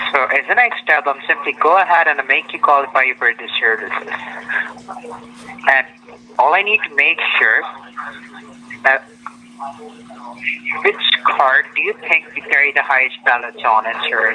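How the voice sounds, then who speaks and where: Sharp, scripted male telemarketer on the phone. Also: medium pitch, normal speed, pauses often. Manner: scripted telemarketer, repeats stock phrases. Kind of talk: scripted credit card sales pitch. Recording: noisy telephone line.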